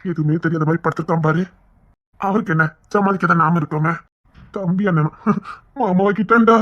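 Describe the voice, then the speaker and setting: A woman acting out a family serial, moving between brotherly scolding and tender coaxing in a husky voice. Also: lowish voice, fairly quick, highs cut off. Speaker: storyteller voicing a whole family.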